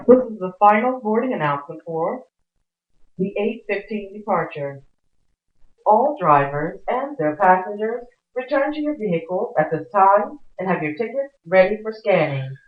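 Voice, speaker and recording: Woman, formal recorded announcement, over a PA loudspeaker, tinny and thin, echoing room. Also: medium pitch, lively intonation. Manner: slow, formal public announcement delivery. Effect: played over a PA loudspeaker. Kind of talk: scripted boarding announcement. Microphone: picked up from a speaker in the room. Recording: tinny, echoey loudspeaker heard from a distance.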